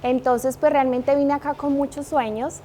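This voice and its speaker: Colombian woman in her thirties, interview guest, fairly high voice, light hiss behind. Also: fairly even intonation, normal speed, mellow. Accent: Colombian, from Manizales. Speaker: guest, liquor brand manager. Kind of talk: interview conversation.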